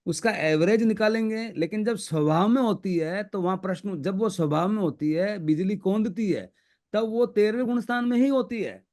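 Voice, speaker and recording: A man's voice: high voice, normal speed, a little mellow. A man talking through spiritual teachings in a casual discussion, earnest and colloquial, repeating phrases for emphasis. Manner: laughs between points.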